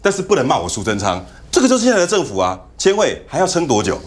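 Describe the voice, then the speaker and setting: A man's voice: on the high side, quick pace. A man with a Taiwanese Mandarin accent giving heated political commentary as a talk show guest in a TV studio, telling stories and mimicking others. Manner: animated, storytelling, mimics others.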